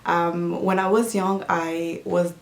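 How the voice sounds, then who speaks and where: This health and nutrition vlogger, a non-native English speaker from Djibouti, answers questions in a relaxed Q&A video. Her fairly low voice is steady and unhurried, with lots of fillers and restarts, and her room echoes noticeably.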